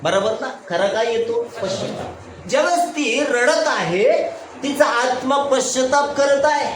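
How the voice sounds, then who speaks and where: An extremely high-pitched, expressive male voice moves at a moderate pace through a call-and-response Bible study sermon. The pastor quizzes the congregation, answers his own questions, and keeps saying "right?". The recording has echo and background noise.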